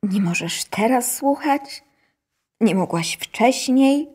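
Woman as a young daughter, radio drama, high voice, slow, halting and shaky. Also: lively intonation, darkish tone, slightly rough, full character voice. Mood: cold. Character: teenage daughter Kasia, frightened and bitter.

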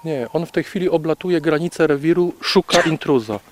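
A man guiding a night walk in the forest, calmly explaining owl behavior to a group with fillers and repeats. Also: on the high side, brisk, noisy background. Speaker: naturalist guide on a night walk.

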